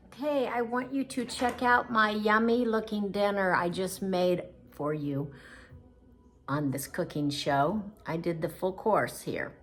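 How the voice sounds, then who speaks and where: Middle-aged lady cooking show host, lowish voice, homey chatty talk, munching while she talks. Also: a bit bright. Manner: chatty, homey, tastes food on camera, talks with mouth full. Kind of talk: casual cooking vlog.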